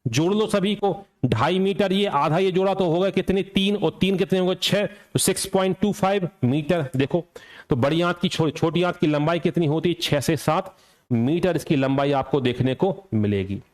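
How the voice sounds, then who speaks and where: In an exam prep lecture, a male teacher speaks at normal speed with a voice that's on the high side but darkish in tone. He asks questions and supplies the answers himself, going over the key points again and again so they stick.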